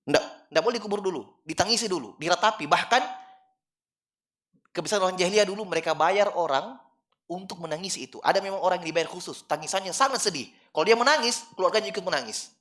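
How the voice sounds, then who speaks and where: A man giving an Islamic study lecture in a prayer room. He drops to low asides, then bursts into loud, emphatic lines, and often checks whether his listeners follow. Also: fast talker. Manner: checks with listeners by asking "clear?". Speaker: religious teacher. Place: prayer room in an office building.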